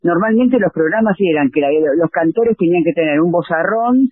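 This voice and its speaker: Husky Rioplatense woman on a tinny line. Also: on the low side, normal speed, no echo. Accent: Rioplatense Spanish. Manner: lively anecdotal, acts out dialogue. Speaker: tango singer and actress being interviewed. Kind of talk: radio interview storytelling.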